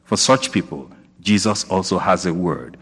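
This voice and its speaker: A priest preaching in a large, echoing church speaks at normal speed in a low-pitched, slightly bright voice, and there's a little hiss or hum in the recording. His sermon features rising questions and repeated points for emphasis, all carried by the long cathedral reverb.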